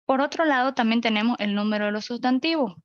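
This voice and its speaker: A woman's voice: on the high side, quick pace, no echo, lo-fi sound. Methodical woman teaching an online class. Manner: methodical, lists examples one by one, checks in with "¿no?". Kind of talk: virtual grammar lecture. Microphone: video call.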